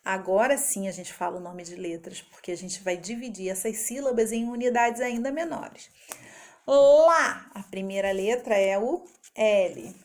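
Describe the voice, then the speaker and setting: A woman teaching a literacy lesson, breaking words into syllables and letters slowly and carefully. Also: mid-range voice, darkish tone. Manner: slow, careful syllable-by-syllable explanation.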